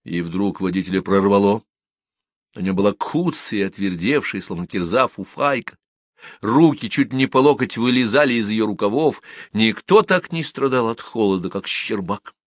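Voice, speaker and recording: With a fairly low pitch, this male audiobook narrator tells the story in a measured, expressive way. The sound is clean studio quality, free of echo.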